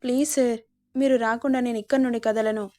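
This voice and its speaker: A woman voicing a devoted young heroine who pleads in a soft, hushed tone, in a storybook reading. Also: on the high side, steady tone, quick pace, no room sound, studio quality, lightly acted. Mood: pleading softly.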